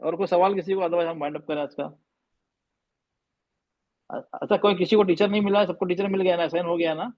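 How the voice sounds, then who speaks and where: A man's voice: sits high, steady tone, brisk, long pauses, dry recording, highs cut off. A man teaching Arabic letter sounds in an online class, patiently repeating and drilling sounds, slipping English phrases into his talk. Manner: mixes English phrases into Hindi. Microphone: video call microphone.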